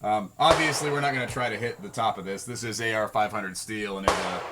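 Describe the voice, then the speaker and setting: A man's voice: fairly low pitch, a little fast, very noisy. A man hosting a casual demonstration video at an outdoor shooting range, joking in a laid-back way with frequent ums. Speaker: video host.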